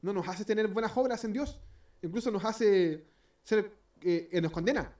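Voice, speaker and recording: A man's voice: high voice, moderate pace, a little mellow. Chilean man teaching, a bit off-mic. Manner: chatty, self-correcting, acts out everyday scenes, laughs at himself. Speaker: Bible study teacher. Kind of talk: informal Bible study teaching. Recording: voice distant from the mic.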